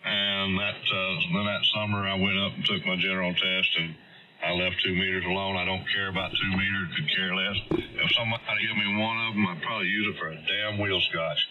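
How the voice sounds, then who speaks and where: A middle-aged or older man with a Southern US accent swaps stories casually over ham radio, plain-spoken and folksy. His voice sits low with little pitch movement and runs a little fast. The amateur radio transmission sounds dull and noisy.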